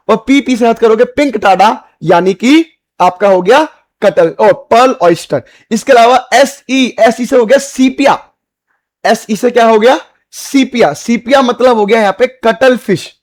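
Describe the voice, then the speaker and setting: A man teaching biology for exam prep in speech, repeating key points, checking that students follow, and using playful memory tricks. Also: very high voice. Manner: repetitive, checks understanding, playful mnemonics.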